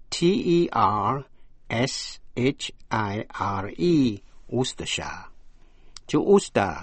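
Slow, husky man teaching radio English. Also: medium pitch, a little mellow, no room sound. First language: Vietnamese. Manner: slow, spells words out letter by letter. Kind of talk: scripted radio English lesson.

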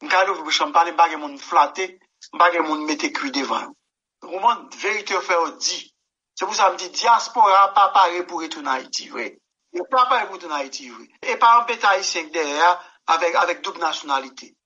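This musician guest, a man, has a fairly high voice that's bright and forceful, with lively intonation and a fairly quick pace. He answers interview questions in a rambling, emphatic fashion, often saying "mon cher," and the recording is dull and lo-fi.

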